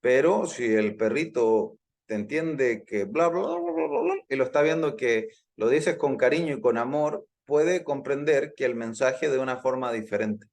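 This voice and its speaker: A man's voice: mid-range voice, unhurried, hardly any pauses, darkish tone. A man teaching a live online hypnosis class, explaining at length, repeating his points and checking in with his listeners. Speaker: hypnosis instructor.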